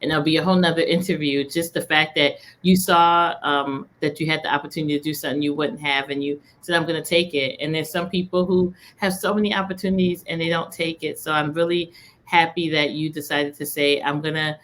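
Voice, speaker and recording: A woman hosting a podcast interview, warmly effusive and encouraging toward her guest. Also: low-pitched, fairly even intonation, fairly quick, a little hiss or hum. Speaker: podcast host.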